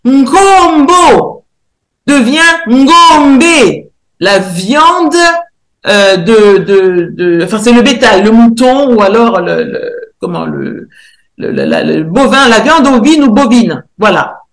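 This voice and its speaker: Slow, hesitant woman lecturing in an echoey room. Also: medium pitch, big pitch swings. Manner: hesitant, searching for words, slow careful spelling out of sounds. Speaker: researcher and theologian presenting a decoding. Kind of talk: lecture presentation.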